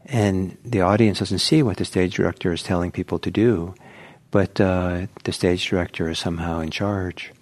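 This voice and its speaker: A man leading a guided meditation talk at a meditation center, speaking slowly and gently with frequent pauses. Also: low voice, fairly even intonation. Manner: slow, gentle, pausing often. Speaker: meditation teacher.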